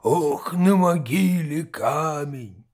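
A man voicing a wandering holy fool who mutters slow, disjointed phrases in an audiobook reading. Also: fairly high pitch, darkish tone, heavily acted. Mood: mournful muttering.

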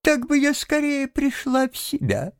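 A man doing a shrill, panicky toad in falsetto. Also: sing-song, unhurried, no room sound, clean studio sound, full character voice. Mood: feeble simpering. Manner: shrill, simpering falsetto in disguise. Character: boastful male toad, panicky, disguised as washerwoman. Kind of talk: audiobook character voice.

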